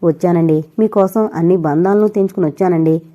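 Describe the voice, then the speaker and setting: A woman's voice: fairly low pitch, a little fast, mellow, muffled recording, close to an everyday voice. Sandhya, read by a woman, a tearful young wife. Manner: tearful, pleading. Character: young married woman grieving her dying lover.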